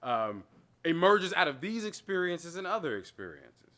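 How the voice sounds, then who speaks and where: A man in his thirties talking casually about his artwork, animated and digressive, often quoting voices as he tells stories. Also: a little high, moderate pace. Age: 30s. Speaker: artist talking about his own work. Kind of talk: gallery talk, casual storytelling.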